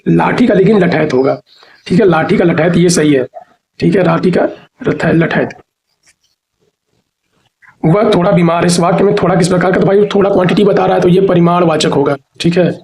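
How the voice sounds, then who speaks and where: A high-pitched man runs an exam preparation lesson, reading out lists of words and definitions. He repeats each answer and walks through the spelling of tricky words. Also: normal speed, creaky, pauses often, crowd noise. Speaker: Hindi teacher.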